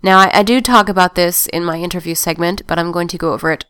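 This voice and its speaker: A woman's voice: lowish voice, fairly even intonation, quick pace, fairly bright tone, smooth, no echo, studio quality. A woman hosting a gaming podcast, introducing an interview in a friendly, explanatory way. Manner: friendly, explanatory, reads steadily. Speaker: podcast host.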